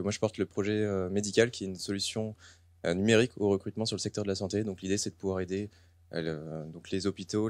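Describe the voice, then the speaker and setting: A young man pitching his project, hesitating often between phrases. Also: a little mellow, dry recording. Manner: hesitant, many fillers. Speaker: student entrepreneur.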